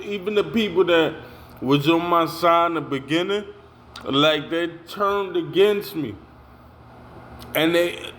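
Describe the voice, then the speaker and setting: Over a faint hiss or hum, a young man with a fairly high voice tells the heated story of being forced out of his job. It's a casual, repetitive rant packed with street slang and a steady stream of "yo."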